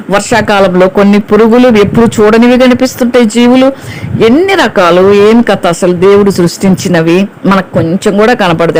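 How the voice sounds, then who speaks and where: A woman's voice: medium pitch, slight background noise, low-quality recording. A woman preacher delivers a Bible sermon in an emphatic, urgent way. She hammers points home by repeating key words. Now and then she slips into short acted quotes of children and parents.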